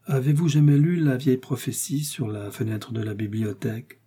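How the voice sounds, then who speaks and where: A man voicing a lonely, centuries-old male ghost who speaks sadly, in a hushed and dreamy way. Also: mid-range voice, normal speed, breathy edge, natural voice. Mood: sorrowful, dreamy.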